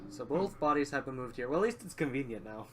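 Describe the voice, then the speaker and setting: A man's voice: medium pitch, lively intonation, fast talker, a bit bright, soft background music. A man co-hosting a let's play, reading game dialogue aloud with casual commentary.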